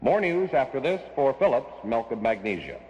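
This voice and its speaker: A man's voice: mid-range voice, sing-song, normal speed, lo-fi sound. American network newsman with long reverb. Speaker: network radio newscaster. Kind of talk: scripted 1960s radio news. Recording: reverberant vintage radio broadcast.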